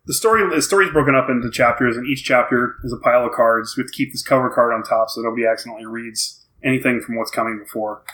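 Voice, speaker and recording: A man leading a tabletop story game, explaining the rules and reading the opening story card aloud at a steady pace. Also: medium pitch, quick pace, few pauses, poor audio.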